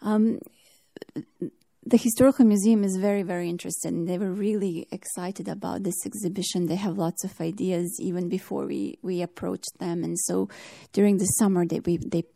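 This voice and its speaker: A woman's voice: fairly low pitch, steady tone, moderate pace, creaky, warm tone, no echo, clean studio sound. A woman architect presenting her project and answering audience questions in a friendly, thankful way.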